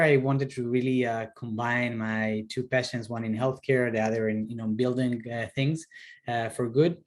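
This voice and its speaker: On a video call interview, a startup CEO in his thirties with an Israeli accent answers questions in a mid-range voice. He sounds hesitant, pausing often with fillers and restarting sentences.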